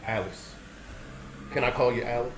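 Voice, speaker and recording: A man from Austin, Texas, playing a smooth-talking, shady movie boss in an improvised film-noir comedy scene, flattering and overly reassuring. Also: medium pitch, moderate pace, natural voice. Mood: reassuring, sly. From Austin, Texas, USA. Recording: roomy sound with faint background noise.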